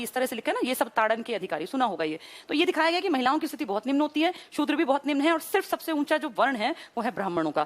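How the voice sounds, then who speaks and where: A woman teacher giving an exam-prep history lesson, explaining step by step and asking and answering her own questions. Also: sits high.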